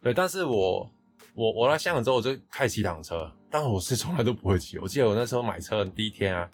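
A man from Hong Kong speaks Mandarin with a Taiwanese accent, hosting a relaxed podcast. He talks fast and chattily, often laughing, in a somewhat low voice. Faint music plays underneath. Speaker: podcast host. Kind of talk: casual chat.

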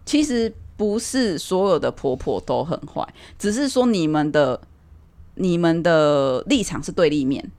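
Woman, young adult, casual podcast chat, lively swinging intonation, laughs a lot. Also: deep voice, unhurried. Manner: animated, laughs often, explains with examples. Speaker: podcast co-host.

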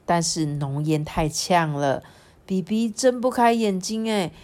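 A woman reading a children's picture book aloud, stretching out little sentence particles and sighing between lines. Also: lowish voice. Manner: expressive, drawn-out particles like 啊 and 哦, sighing fillers. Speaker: storybook reader.

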